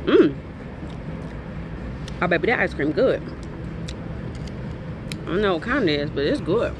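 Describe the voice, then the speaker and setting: A woman's voice: lowish voice, lively intonation, moderate pace, background noise. A woman vlogging casually on her phone, chatty and playful, calling her viewers baby and child. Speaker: travel vlogger. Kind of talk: casual vlog chat.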